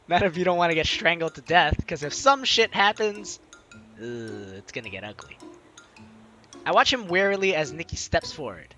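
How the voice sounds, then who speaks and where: Very animated and forceful, this gaming host's bright, low-leaning voice moves at a moderate pace. She hams her way through reading the game's narration and dialogue aloud, with playful improvised asides, while background music plays.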